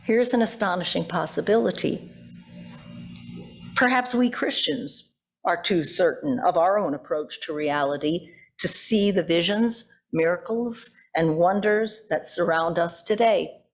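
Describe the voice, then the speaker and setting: A woman pastor with a lowish voice preaches a sermon in deliberate, emphatic phrases, frequently asking rhetorical questions.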